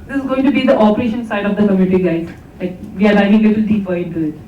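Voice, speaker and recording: A woman moderating a panel, briskly thanking a guest and posing the first question. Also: medium pitch, fairly even intonation, dark tone, a little hiss or hum. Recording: tinny, far-off, echoey hall sound.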